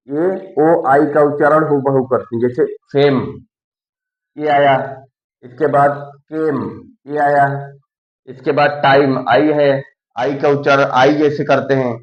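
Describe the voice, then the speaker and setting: A man's voice: on the high side, steady tone. Echoey lo-fi male teacher. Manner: slow, repetitive, explains each rule twice. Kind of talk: classroom lesson. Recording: echoey room, dull lo-fi sound.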